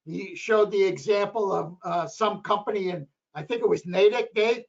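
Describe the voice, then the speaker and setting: At a town planning board meeting, a hoarse, high-pitched man speaks at a moderate pace, rambling and repeating himself during the discussion. The audio is dull and lo-fi, like sound from local cable TV.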